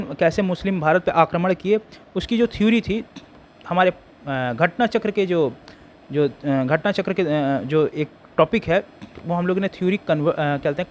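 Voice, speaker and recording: An Indian man with a sore throat teaching an exam prep class, reading quiz questions slowly in English and explaining them with lots of fillers. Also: high voice, slight background noise.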